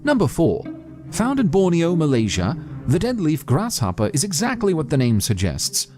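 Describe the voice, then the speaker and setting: Lively male nature documentary narrator over music. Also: a little high, moderate pace. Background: prominent background music.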